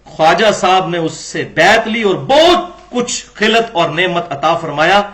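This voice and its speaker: A man delivers a religious lecture in a high voice. His tone is bright and cutting, and he presses his argument with pointed rhetorical questions. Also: animated. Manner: argumentative, rhetorical questions, acts out quoted dialogue.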